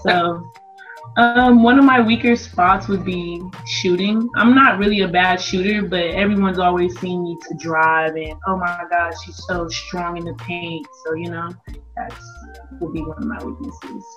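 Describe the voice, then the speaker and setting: A young American woman of about 18 from Las Vegas, with a lowish voice, answers interview questions casually as a college basketball player. She's in an indoor room on a video call, with dull call audio and music playing underneath.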